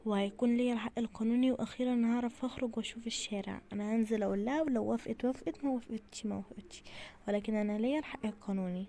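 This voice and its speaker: Woman voicing a fast-talking Egyptian teen girl. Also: a little high, dark tone, slight background noise, lightly acted. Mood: eager. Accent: Egyptian Arabic. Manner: insistent, talks to herself. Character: teen girl kept indoors, eager, then frightened. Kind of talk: game role-play voicing.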